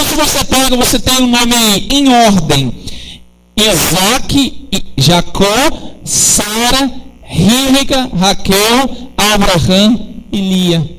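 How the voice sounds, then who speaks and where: A man preaching a sermon, explaining scripture slowly with rhetorical questions. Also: high-pitched, a bit bright, a little hiss or hum, low-quality recording. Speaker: rabbi preaching.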